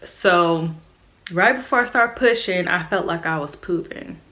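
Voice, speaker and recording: A young woman tells a personal story in a frank, chatty way, turning to her viewers now and then. Her voice sits on the lower side for a woman, but it comes across bright and forceful. She speaks openly and never holds back. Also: unhurried. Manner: candid, chatty, addresses viewers directly. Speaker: vlogger. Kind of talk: storytime vlog.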